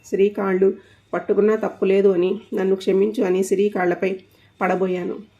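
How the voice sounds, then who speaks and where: Woman storyteller, first-person audio story, even and mellow reading, dull lo-fi recording. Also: medium pitch, brisk.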